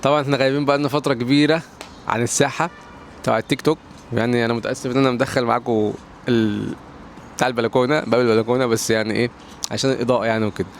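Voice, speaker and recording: Speaking very fast in a mid-range voice with fairly even intonation, a young man with an Egyptian Arabic accent gives rambling, casual vlog advice, restarting a lot and slipping in English. He's an English pronunciation TikToker recording at home near a balcony door, with slight background noise.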